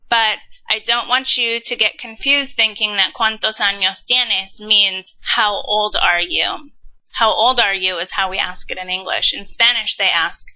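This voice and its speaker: A woman in her thirties teaching a recorded Spanish lesson, modeling words slowly and carefully. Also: medium pitch, pushed and bright, muffled recording. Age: 30s.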